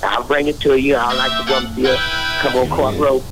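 A man's voice: mid-range voice, level tone, a little fast, music in the background, rough recording. An older man calling in to a radio show by phone, talking in an earnest, rambling, preachy way. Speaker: caller. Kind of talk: casual radio call-in. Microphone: phone call.

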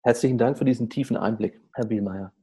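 A man interviewing a guest, asking measured, polite questions. His voice is mellow and dark, with a husky edge, and sits at a middle pitch.

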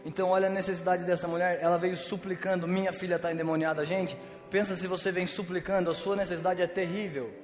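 A man with a Brazilian Portuguese accent preaches in a relaxed, slangy, joking storyteller's manner. His voice sits a little high for a man. It rings through a reverberant hall over soft background music. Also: fast. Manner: casual slangy storytelling with humor. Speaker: pastor. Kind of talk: sermon. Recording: echoey church hall with faint music.

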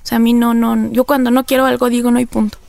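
Woman, interview guest, earnest reflective testimony, gravelly fry, dry close sound. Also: a little high, little pitch movement, quick pace, darkish tone, no echo. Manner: earnest, reflective, many filler phrases. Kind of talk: personal testimony in conversation.

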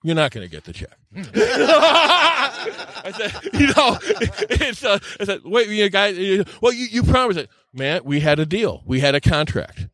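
This man's voice sits high and sounds pushed and bright, very animated but a little slow. On a podcast he tells anecdotes casually, often stammering and repeating words, plain-spoken and self-deprecating as he chats through his stories.

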